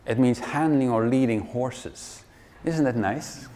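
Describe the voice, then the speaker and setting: Speaking slowly in a mid-range voice, this middle-aged man from the Netherlands gives a conference keynote through a headset mic in a big hall. He comes across as a wry, joking, lively presenter, and there's slight background noise.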